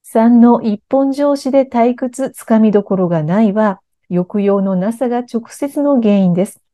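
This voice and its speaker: A woman narrating a scripted lesson on articulation and intonation, explaining clearly and evenly. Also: fairly high pitch, a little slow. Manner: clear, even-paced explanation. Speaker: speech coach.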